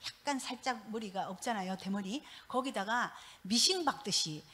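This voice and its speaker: A middle-aged woman giving a church testimony as a pastor's wife, telling her story in an animated way and laughing often. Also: medium pitch, normal speed, a little hiss or hum.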